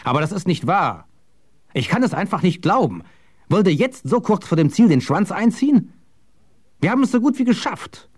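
A man's voice: lively intonation, a little fast, mellow, natural voice. A man reading an audiobook, voicing a fervent, persuasive male conspirator who pleads with rising passion. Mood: impassioned. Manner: impassioned, pleading, rising pitch.

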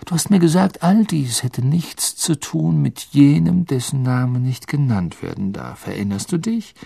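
An earnest young wizard boy, voiced by an audiobook reader, eager and polite, with a lively, rising and falling lilt. The delivery stays close to the reader's own unhurried tone. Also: medium pitch, gravelly, slightly rough, no echo, exaggerated voice. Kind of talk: audiobook reading.

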